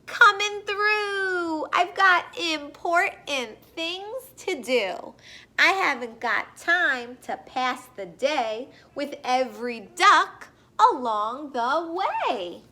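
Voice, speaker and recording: A woman voicing a big, self-important male dump truck in a children's picture book read-aloud, talking loud and hurried. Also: high voice, lively intonation, heavily acted.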